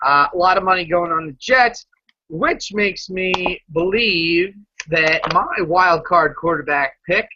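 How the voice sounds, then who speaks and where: A man's voice: high voice, measured pace, pushed and bright, slight background noise. A man co-hosting a fantasy football podcast in casual chat, opinionated and jokey, running the segments. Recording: dull lo-fi audio.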